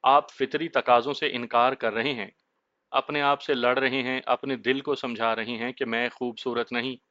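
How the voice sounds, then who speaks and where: A yearning young wife from a storybook, tender and coaxing, voiced by a man in his own voice. Her lines carry a bright, forward tone. The recording is dry and a little dull. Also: medium pitch, flat delivery, normal speed, dry recording, lightly acted. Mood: teasing. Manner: soft, pleading tone.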